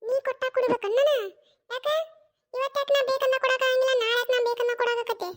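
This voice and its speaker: A performer doing a stubborn older cartoon mother-in-law with a North Karnataka Kannada accent, her voice pitched extremely high. She scolds in drawn-out, grumbling retorts at a quick clip. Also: flat delivery, fairly bright tone. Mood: scolding. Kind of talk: cartoon voice acting.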